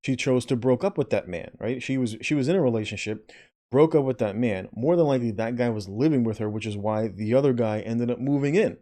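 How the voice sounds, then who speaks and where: A man's voice: medium pitch, a little fast, dark tone. A man giving blunt reaction commentary, often tagging his points with a question and swearing. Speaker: video commentator. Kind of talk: reaction commentary on a played clip.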